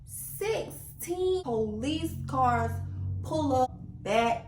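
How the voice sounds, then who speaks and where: A woman's voice: high voice, drawn-out words, slight background noise. A young woman telling a story to her camera in a casual, slangy way, acting out what people said. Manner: animated, slangy, acts out quotes. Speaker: vlogger. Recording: echoey room.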